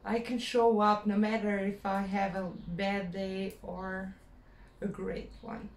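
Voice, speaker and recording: A vlogger with a Croatian accent delivers a personal monologue to her camera in English, her second language, hesitating and searching for words with plenty of fillers. She speaks very slowly at an ordinary pitch in a level tone, and the roomy sound carries a clear echo.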